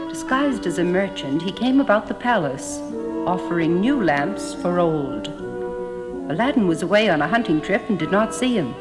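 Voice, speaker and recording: A woman narrating a fairy tale in a measured storytelling manner. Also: lowish voice, lightly acted. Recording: echoey hall, music behind.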